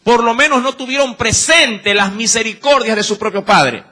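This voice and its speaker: A man's voice: very high-pitched, normal speed, bright, forceful tone. A man with an Ecuadorian accent preaching a sermon, emphatic and firing rhetorical questions at the congregation.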